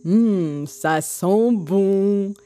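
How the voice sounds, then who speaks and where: A woman voicing a kind, patient father in a calm, slightly lowered voice. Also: extremely slow, faint music behind. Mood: gentle.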